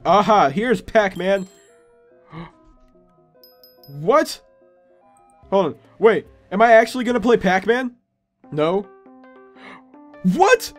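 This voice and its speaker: Male gaming host, high-pitched, casual and playfully sarcastic commentary over faint music. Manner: exclaims and talks to himself, playfully sarcastic.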